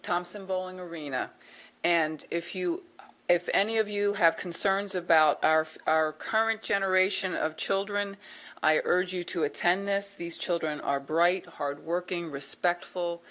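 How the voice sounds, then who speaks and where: A woman's voice: lowish voice, measured pace, a bit bright. A middle-aged woman, a board member, making informal remarks at a public meeting, sometimes searching for her words.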